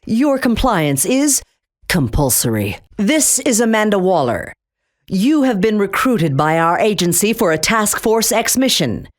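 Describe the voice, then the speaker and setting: A woman's voice: mid-range voice, big pitch swings, unhurried. An actress playing Amanda Waller, a stern, commanding female government agency chief in a video game, with a cold, clipped, threatening delivery.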